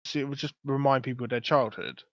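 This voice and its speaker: Talking fast in a steady, fairly bright mid-range voice, a young podcast host chats casually and with enthusiasm, wandering off a bit. The recording is dry, dull, and lo-fi.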